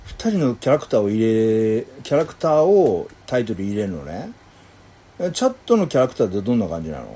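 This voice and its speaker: Guy teasing his ai buddy, mellow voice, lively up and down. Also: lowish voice, a little fast, a little hiss or hum. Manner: teasing, playful, slips into Kansai dialect. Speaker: user chatting with an AI. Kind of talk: casual chat.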